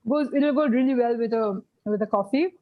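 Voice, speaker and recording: A woman with a slightly high voice teaches vegan baking as a guest instructor in a casual live online class. She is hesitant, laughs often, and uses many fillers and restarts. Her video-call audio sounds narrow and tinny.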